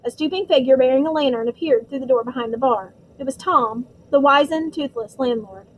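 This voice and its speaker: A woman's voice: sits high, brisk, slight background noise, poor audio. A woman narrating an audiobook, reading steadily with dramatic stresses. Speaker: audiobook reader.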